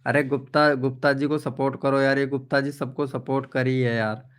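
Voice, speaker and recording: A man's voice: medium pitch, little pitch movement, normal speed, clean tone. A man hosting a live stream, chatting casually as he reads out viewers' comments, calling people by name and often laughing. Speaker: live stream host promoting channels.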